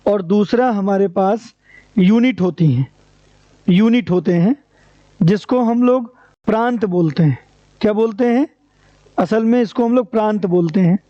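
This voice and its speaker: Posing questions and then answering them himself, a man drills students repetitively in an exam-prep lecture. He has a high voice with no room sound, and the recording is dry, dull and lo-fi.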